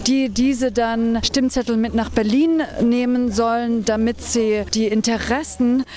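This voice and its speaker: A woman's voice: fairly high pitch, steady tone, unhurried, dark tone. A woman campaign organizer giving a street interview outdoors, explaining earnestly with frequent hesitant fillers. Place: outdoors in front of a theater. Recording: busy outdoor street crowd. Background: crowd chatter.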